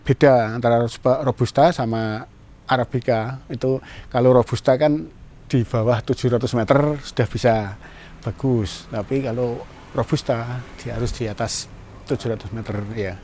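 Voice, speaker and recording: Halting Indonesian farmer, plainly spoken. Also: male voice, medium pitch, steady tone, mellow, a little hiss or hum. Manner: halting, repeats himself while explaining. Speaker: coffee farmer. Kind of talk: documentary interview.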